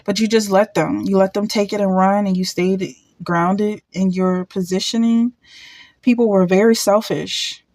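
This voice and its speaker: Woman, tarot reader, casual pick-a-card reading, halting, repeats words. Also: mid-range voice, steady tone, darkish tone, no echo. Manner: thinks aloud, halting, repeats and restarts words.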